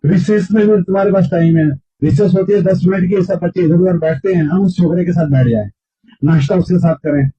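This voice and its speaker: A man's voice: sits high, fairly quick, mellow, breathy edge. A man preaching to students, often asking the crowd questions and acting out imagined talk. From India. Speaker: Islamic preacher. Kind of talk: sermon to students. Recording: muffled lo-fi recording.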